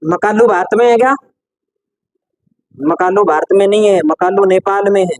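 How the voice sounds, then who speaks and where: Male teacher dictating notes slowly. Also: sits high, a little mellow, dry recording, low-quality recording. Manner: repeats key phrases slowly for note-taking. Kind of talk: classroom lecture dictating notes.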